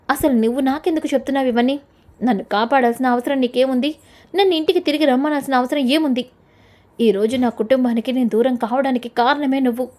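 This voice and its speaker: A woman's voice: sits high, a little mellow, lightly acted. A woman voicing a bitter, hurt mother. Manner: bitter, questioning. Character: hurt, accusing middle-aged mother.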